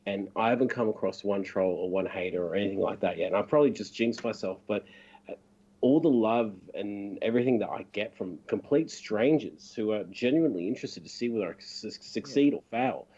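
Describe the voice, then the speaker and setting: A man's voice: fairly low pitch, fairly quick, a little mellow, husky, lo-fi sound. A man in a casual video chat, talking in an enthusiastic, encouraging way with lots of fillers. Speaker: guest.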